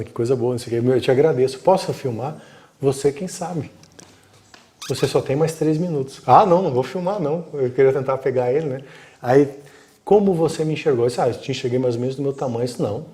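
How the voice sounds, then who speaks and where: Man, Brazilian Portuguese accent, casual storytelling, acts out quotes, mellow dark voice. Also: medium pitch, quick pace. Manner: animated, acts out quoted dialogue. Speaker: guest storyteller. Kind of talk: casual live-stream storytelling.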